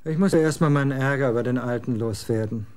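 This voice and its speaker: This is German radio drama acting: a male actor plays a 20-year-old moody rocker son who is scornful, slangy, and fast to get excited. His medium-pitched voice sounds close to how he would speak every day.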